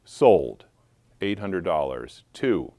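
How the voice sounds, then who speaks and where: A man's voice: low-pitched, animated, measured pace, no echo. A man calling a live charity auction for a school, playful and joking between bids.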